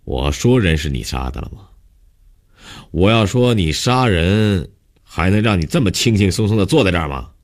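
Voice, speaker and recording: A stern middle-aged police captain from a storybook, lecturing a suspect with long pauses and drawn-out fillers, as a male narrator acts him out. The voice sits extremely deep and gets louder and pushier as he presses. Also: lively intonation, heavily acted. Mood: scolding. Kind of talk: audiobook character voice.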